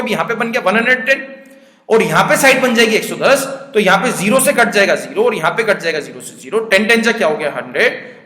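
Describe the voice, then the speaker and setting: A high-pitched man, teaching a math lesson in a brisk, coaxing way and answering his own questions. His voice rings around a roomy space with a long reverb tail. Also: pushed and bright. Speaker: aptitude teacher. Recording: echoey room with long reverb.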